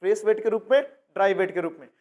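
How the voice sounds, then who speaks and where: A man's voice: high voice, quick pace, a little mellow. A man from India teaching a coaching-class biology lesson, repeating key terms and asking the class questions that he then answers himself. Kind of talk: classroom lecture.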